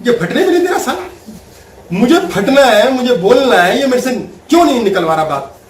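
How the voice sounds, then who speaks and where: A man putting on the voice of a quarrelsome wife who is itching for a fight, shrill and exasperated. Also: sing-song, fairly quick, reverberant, recorded from a distance. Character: nagging quarrelsome wife, adult woman.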